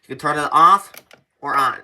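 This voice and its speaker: A fairly high, bright male voice with a forceful tone comes through at normal speed over slight background noise. The tutorial presenter lays out informal how-to steps in a plain manner, going over points repeatedly.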